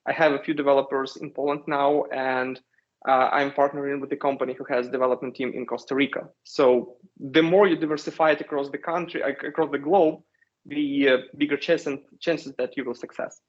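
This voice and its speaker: A man in his thirties from Ukraine with a Ukrainian accent, a company founder giving measured interview answers with frequent hesitations. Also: mid-range voice, fairly even intonation. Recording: dull lo-fi sound.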